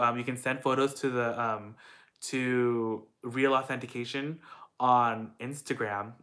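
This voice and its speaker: At home, a young man from the Philippines cheerfully answers viewer questions, filling the casual Q&A with plenty of fillers. He speaks at a medium pitch in a bright, forceful tone.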